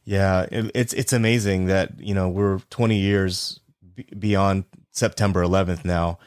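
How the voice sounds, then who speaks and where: A man in his forties hosts a podcast interview, speaking in an earnest, upbeat way. His voice sits low, and the recording is dry and close with no room sound. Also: fairly even intonation, unhurried, a little mellow, clean tone, no echo. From United States. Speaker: podcast host.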